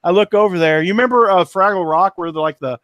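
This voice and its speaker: A man's voice: high-pitched, fast, fairly bright tone, no echo. A man selling antiques, chatting casually in a rambling, folksy, self-deprecating way. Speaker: antiques seller. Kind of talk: casual chat.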